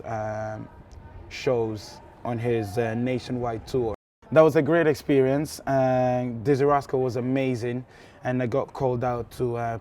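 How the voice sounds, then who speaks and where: A man, talking to camera about his career as a dance school director, relaxed and steady with frequent ums. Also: medium pitch, a little hiss or hum. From Italy.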